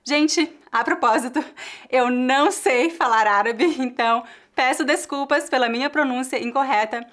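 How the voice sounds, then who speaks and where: A Brazilian woman teaching a language lesson with careful, deliberate pronunciation and a Brazilian accent. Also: high-pitched, a bit bright. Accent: Brazilian Portuguese. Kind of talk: clear, slow language lesson.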